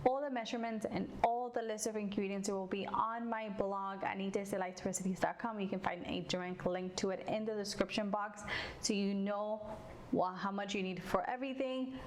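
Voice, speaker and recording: Woman cooking-show host from Cuba, conversational tutorial delivery, clear frying sizzle behind. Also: mid-range voice, steady tone, moderate pace, a little hiss or hum. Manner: friendly, chatty, addresses viewers directly. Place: home kitchen. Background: sizzling frying food.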